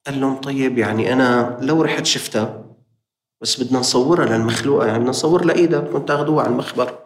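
A man's voice: medium pitch, very fast, reverberant. A man with a Levantine Arabic accent preaching a sermon, appealing directly and passionately to his listeners.

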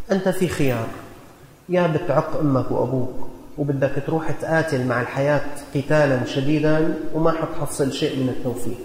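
A man's voice: medium pitch, darkish tone. A man with a Damascene Syrian accent preaching a sermon, telling stories in an earnest, folksy way and exhorting his listeners. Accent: Damascene Syrian Arabic. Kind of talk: sermon with storytelling. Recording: echoey hall with long reverb.

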